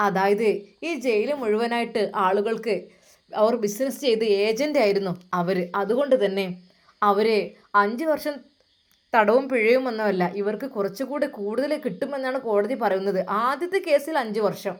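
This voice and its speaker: A woman voicing a stern male police officer who explains firmly, in a lower voice than her own. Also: close to an everyday voice. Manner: firm, explanatory.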